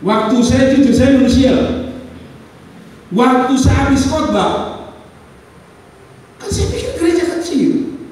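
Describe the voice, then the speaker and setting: A man, a pastor, preaching a sermon and telling a personal story with lively acted-out dialogue. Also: very high-pitched. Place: church. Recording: echoey hall, distant mic.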